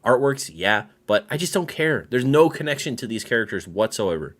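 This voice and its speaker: A man's voice: medium pitch, sing-song, moderate pace, fairly bright tone. Blunt casual male reaction host. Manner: blunt, dismissive, laughs a lot.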